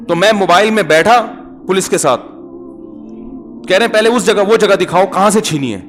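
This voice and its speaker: Middle-aged preacher, chatty anecdotal talk, slightly high voice, faint music behind. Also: male voice, fairly bright tone. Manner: chatty, humorous anecdotes, addresses listeners as brother. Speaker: Islamic scholar and preacher. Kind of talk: storytelling religious talk.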